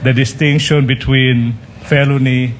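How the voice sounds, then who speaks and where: A man's voice: medium pitch, flat delivery, measured pace, slight background noise. A man, an opposing lawyer raising formal objections in a courtroom recording. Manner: interrupts with formal objections, addresses the judge repeatedly. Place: hearing room, courtroom recording.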